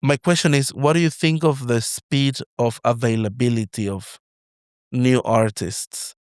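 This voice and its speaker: A Mexican-accented man hosts an interview podcast, leading into his questions with long personal stories. His voice is smooth and resonant. The sound is close and dry. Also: mid-range voice, fairly even intonation, a little slow, no echo. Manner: expansive, storytelling questions. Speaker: podcast host. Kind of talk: casual interview.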